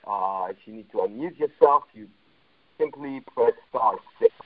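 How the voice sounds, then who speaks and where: A man's voice: mid-range voice, animated, normal speed, a little hiss or hum. A man coaching on a conference call, blunt and emphatic, his voice muffled as if heard through a wall on a phone line. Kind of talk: motivational teaching monologue.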